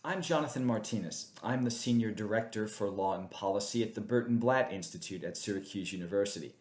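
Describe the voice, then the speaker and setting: A man hosting a webinar, delivering scripted narration in a measured, earnest way. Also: fairly low pitch, darkish tone. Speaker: webinar host.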